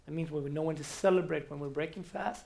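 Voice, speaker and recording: A man from Ethiopia speaking on a stage panel, animated and restarting often. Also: a little high, fast, creaky. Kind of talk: panel discussion. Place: large auditorium stage. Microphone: headset mic.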